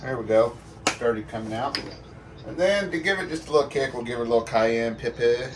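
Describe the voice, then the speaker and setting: Fairly quick and medium-pitched, this man acts as a home cook presenting a cook-along, casually explaining a recipe. His delivery is folksy, with playful sound words and exclamations, and a distant mic picks up faint background noise.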